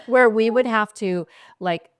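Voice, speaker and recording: A woman in her forties from California, a guest talking about her career in a relaxed, chatty way, laughing now and then and using lots of fillers. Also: a little high, clear, resonant tone, dry recording. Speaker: guest, skincare founder. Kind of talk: casual interview chat.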